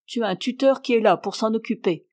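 A woman voicing an angry middle-aged peasant uncle who shouts scornfully in a raised voice. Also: medium pitch, normal speed, close to an everyday voice. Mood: indignant.

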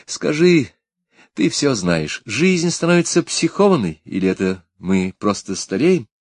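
A man reading a tired young actress, emotional and lively, in an audiobook. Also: medium pitch, measured pace, dry recording, studio quality, pitched above the performer's own voice. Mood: wistful.

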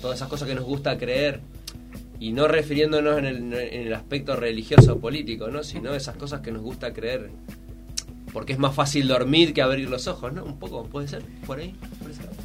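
A man's voice: medium pitch, steady tone, a little fast. Man musing tentatively over music. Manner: tentative, seeking agreement with tag questions. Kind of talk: casual radio discussion.

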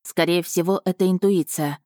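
Woman narrating an expressive audiobook. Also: lowish voice, moderate pace, dry recording, studio quality. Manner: expressive, lively storytelling. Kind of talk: first-person audiobook narration.

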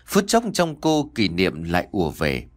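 A man narrating a dramatic audiobook story with an expressive, emotive reading. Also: low-pitched, normal speed.

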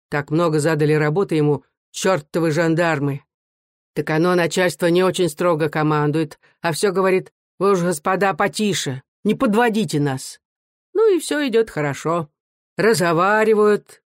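A reader voicing a warm, cheerful young revolutionary man who talks in a lively, hearty way. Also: medium pitch, dry recording, studio quality, close to an everyday voice.

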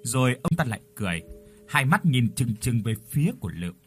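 Husky, expressive male storyteller. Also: medium pitch, fairly quick, faint music behind. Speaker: audiobook narrator. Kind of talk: ghost story narration.

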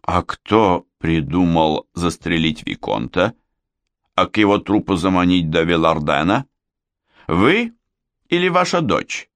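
A stern, official police major closing an interrogation in an audiobook, read by a man. The voice is low but animated in pitch, recorded close and dry. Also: measured pace, no room sound, full character voice.

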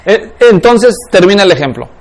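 High-voiced man teaching a class. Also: very animated, moderate pace, a little mellow. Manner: keeps asking the class questions. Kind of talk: classroom lecture on spiritual life. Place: classroom with students.

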